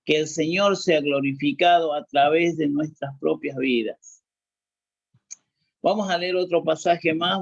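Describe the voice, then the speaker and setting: A man preaching a sermon in an earnest, deliberate way, with emphatic repetitions, and reading scripture aloud. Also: on the high side, gravelly, no room sound, muffled recording.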